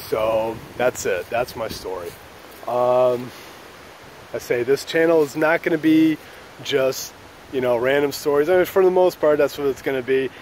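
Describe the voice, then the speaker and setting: A man in a casual vlog tells a story in an easygoing, profane, joking way. His voice sits at a middling pitch. A faint hum of traffic runs underneath. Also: darkish tone. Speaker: channel host.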